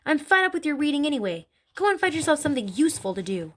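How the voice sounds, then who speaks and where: A woman's voice: on the high side, lively intonation, quick pace, a bit bright. A woman voicing a bullying middle-aged father who barks his words with contempt. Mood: barking. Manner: barking, contemptuous.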